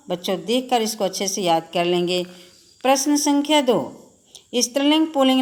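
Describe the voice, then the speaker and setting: A woman teacher giving a lesson to children, reciting word forms in a sing-song drill and speaking to them patiently. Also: a little high. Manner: addresses children directly, patient and instructive.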